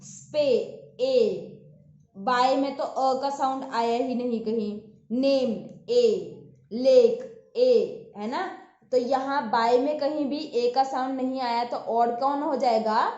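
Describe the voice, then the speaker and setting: A woman teacher explaining vowel sounds to young pupils, repeating each word slowly and patiently. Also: high-pitched, warm tone. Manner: slow, patient, repeats words aloud for pupils. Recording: echoey room, dull lo-fi sound.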